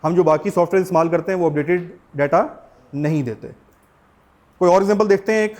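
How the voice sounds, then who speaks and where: A middle-aged Pakistani-accented man lectures a class in a high voice. He explains things step by step. He keeps stopping to put questions to his students. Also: a little fast, darkish tone. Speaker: teacher.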